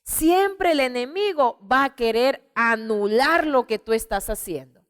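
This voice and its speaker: High-voiced woman pastor preaching. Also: a little slow. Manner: expressive preaching, retelling scripture with dramatic emphasis. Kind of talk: sermon. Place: church. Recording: long hall reverb.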